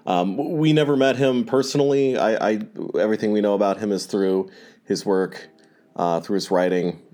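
A man with a deep, low-pitched voice speaks as a podcast host on a low-quality recording. He talks hesitantly and fills his pauses often. He sounds like he is still recovering from an illness. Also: dark tone. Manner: hesitant, many filler pauses. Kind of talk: casual spoken announcement.

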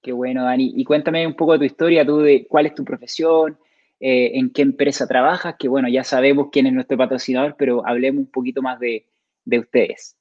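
A man hosting an online interview in Spanish, affable, prompting his guest with steady short backchannels. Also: medium pitch, a little fast, no echo, lo-fi sound. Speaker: host.

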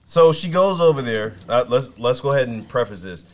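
A man's voice: mid-range voice, lively intonation, a little fast. A man co-hosting a podcast, spinning a crude story with plenty of swearing. He speaks in an ordinary mid-range voice. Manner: storytelling, profane, laughing. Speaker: podcast co-host. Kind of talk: casual podcast chat.

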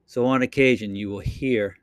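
A man's voice: mid-range voice, steady tone, moderate pace, no echo, clean studio sound. A man from Boston with a Boston accent, rambling through an unscripted solo podcast monologue into a computer microphone, with lots of fillers and restarts. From Boston, Massachusetts. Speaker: podcast host. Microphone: talking into a computer microphone.

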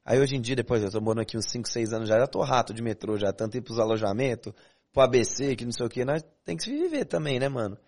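A man's voice: medium pitch, expressive, fast, a little mellow. A young man from the Brazilian interior talks with a Goiás accent, full of slang. He tells stories in a casual chat with a lot of animation. His voice sits in the middle of the range. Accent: Goiás Brazilian Portuguese. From Goiânia, Brazil.

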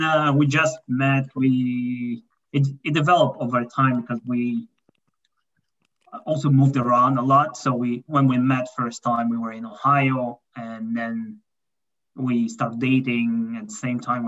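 A man's voice: medium pitch, measured pace. A man in his thirties from Kazakhstan, a guest talking casually in an interview and often saying "yeah" and "for sure.". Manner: relaxed, repeats "for sure" and "yeah". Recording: muffled lo-fi call audio.

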